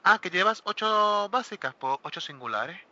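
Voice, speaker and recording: A man hosting a casual hobby talk show, animated and exclaiming, often acting out what other players say. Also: high voice, moderate pace, no room sound. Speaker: host of a miniature wargaming talk show. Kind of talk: casual panel chat. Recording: dull lo-fi recording.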